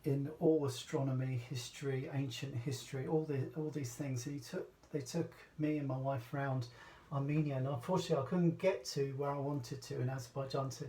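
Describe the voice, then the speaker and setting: A man's voice: medium pitch, steady tone, a little fast, warm tone. A man from Britain giving a casual, rambling talk, full of hesitations and restarts. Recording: echoey room, voice from a distance.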